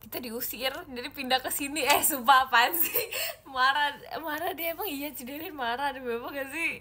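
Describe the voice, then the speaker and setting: A woman's voice: high-pitched, moderate pace, sharp tone. A young woman chatting casually on a livestream, reading fan comments with giggles and squealing exclamations. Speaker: idol group member livestreaming.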